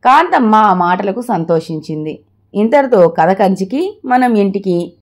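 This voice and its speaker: A woman storyteller reading moral stories aloud in a measured, friendly manner. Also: medium pitch, lively intonation.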